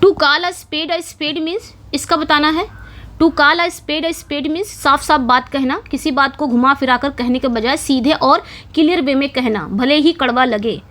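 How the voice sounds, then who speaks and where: A woman's voice: high-pitched, measured pace, a bit bright. A woman teaching an English exam-prep lesson, explaining step by step with frequent check-ins to her students. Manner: explains step by step, checks in with "ठीक है" and "समझ में आ गया".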